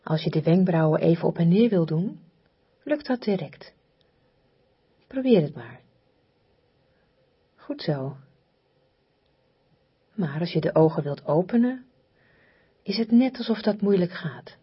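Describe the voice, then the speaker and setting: Breathy, very slow woman guiding relaxation. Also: lowish voice, expressive, muffled recording. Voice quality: soft, breathy, often near whisper. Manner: soothing, hypnotic, repetitive, with long pauses. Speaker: relaxation guide. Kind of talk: guided relaxation meditation.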